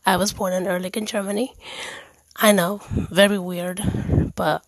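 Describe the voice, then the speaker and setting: A woman's voice: mid-range voice, little pitch movement, normal speed, dry recording, low-quality recording. A woman hosting her own podcast, talking candidly and earnestly about her life in a heartfelt monologue. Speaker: podcast host.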